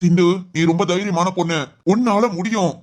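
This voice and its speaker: A woman playing a gentle, encouraging middle-aged father in an amateur family drama, speaking in a fast, soothing way. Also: fairly low pitch, natural voice. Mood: reassuring.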